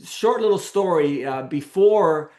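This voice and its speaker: A middle-aged company founder from the Canary Islands, Spain, tells his story in a casual presentation on a video call, with many restarts and fillers. His voice is on the high side, expressive, unhurried and mellow, heard in an echoey room.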